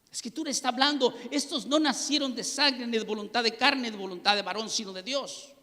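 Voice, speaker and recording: A man preaching a sermon and telling his own testimony, impassioned and rising to near-shouts at the peaks. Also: very high voice, brisk. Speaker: pastor. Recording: long reverb of a hall.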